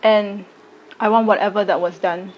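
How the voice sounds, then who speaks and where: A woman, giving a slow, deliberate personal statement to camera. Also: mid-range voice, fairly even intonation, lo-fi sound, a little hiss or hum. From Singapore. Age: late 20s. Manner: slow, deliberate, measured delivery. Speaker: arts educator and content creator.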